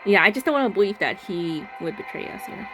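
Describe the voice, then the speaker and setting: This woman talks fast with lively intonation in a mid-range voice while hosting a game playthrough, reading narration and chatting casually. The audio is poor, and her voice sits over loud game music.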